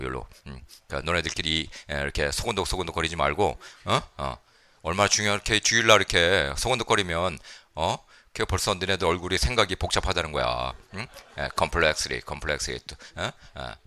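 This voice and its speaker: A man delivers a sermon in a church with a bright, forceful tone. His pitch swings widely as he talks, playful and animated. He keeps checking in with the congregation and slips English phrases into his speech. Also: no echo. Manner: lively, playful, mixes in English phrases, frequent "예?" prompts to the congregation. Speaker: missionary preacher. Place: church sanctuary.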